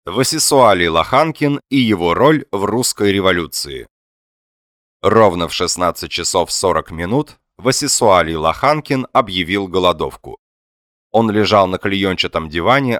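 Lively, low-voiced male narrator. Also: no room sound, studio quality. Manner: expressive, ironic storytelling. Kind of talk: audiobook reading of a satirical novel.

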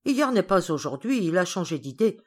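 A woman voicing an excitable, somewhat spoiled young boy in an audiobook, raising her voice. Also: fairly low pitch, normal speed. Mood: eager.

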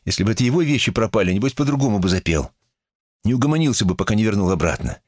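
A man's voice: lowish voice, animated, rapid-fire, no echo, clean studio sound, pitched above the performer's own voice. A man voicing a stubborn, brash teenage boy who sounds defiant and a bit whiny. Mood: indignant.

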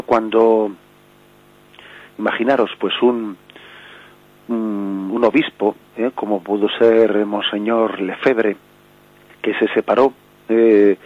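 A Spanish bishop explaining the catechism on a radio program, with many fillers and rhetorical questions, speaking in a Spanish accent. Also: male voice, medium pitch, breathy edge, lo-fi sound. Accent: Spanish from Spain.

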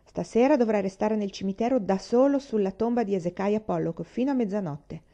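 A woman's voice: mid-range voice, a little fast, dark tone, lo-fi sound, close to an everyday voice. A woman reading aloud, voicing a bossy older boy who hands down judgments in a sententious, lecturing way. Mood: stern. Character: bossy older boy, stern self-appointed judge.

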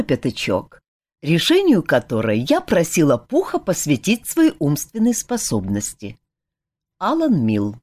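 A woman reading a novel aloud with expressive, lively storytelling. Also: mid-range voice. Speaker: audiobook narrator. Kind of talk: scripted narration.

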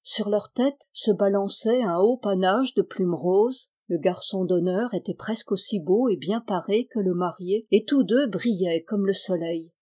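A woman reads an old folk tale aloud in a calm, measured storybook manner. Her voice is warm and mellow, pitched in a middle register. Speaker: narrator. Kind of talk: storybook reading.

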